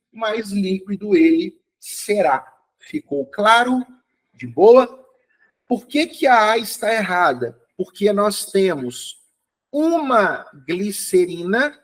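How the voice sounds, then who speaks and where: Man, high voice, upbeat, encouraging, online chemistry lesson, checks in with students. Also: poor audio. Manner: calls out to students by name, checks understanding often. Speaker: chemistry teacher. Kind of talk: live online exam review lesson.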